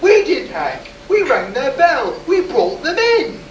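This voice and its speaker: An actor playing a shaken, insistent test pilot in a live sci-fi radio play, with dramatic, urgent delivery. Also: male voice, very high-pitched, huge pitch swings, takes it slowly, dull audio, heavily acted. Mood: urgent pleading. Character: agitated, insistent rocket test pilot shaken by an alien encounter. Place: live performance in a room at a convention. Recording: roomy, distant, noisy live convention stage recording.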